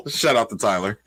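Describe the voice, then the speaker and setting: Low-voiced man hosting a joking podcast. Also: pushed and bright, slightly rough. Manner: joking, laughs often, profane banter. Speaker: podcast host. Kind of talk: casual chat. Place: basement.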